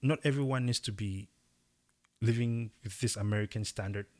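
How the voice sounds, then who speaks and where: A young man from Cameroon co-hosting a casual opinion chat, talking emphatically and rising into animated bursts. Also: on the low side, moderate pace. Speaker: podcast co-host.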